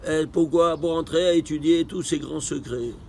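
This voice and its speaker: A Torah teacher speaks at a moderate pace in a high, creaky voice, answering his own rhetorical questions as he teaches. Emphatic bursts give way to quiet asides, and faint vehicle noise sits in the background.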